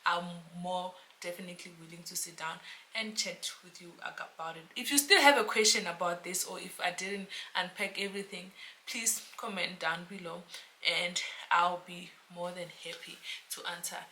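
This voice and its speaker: A South African woman, a real estate agent, chatting to camera in a casual explainer vlog, animated and talking to her viewers like friends. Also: fairly low pitch, normal speed, slight background noise. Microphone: camera mic, self-filmed.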